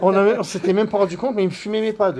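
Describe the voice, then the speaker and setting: A man who details cars, chatting casually while he works, excitable, boastful and rambling, with a husky voice. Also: sits high, very fast. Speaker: car detailer. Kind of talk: casual chat while working.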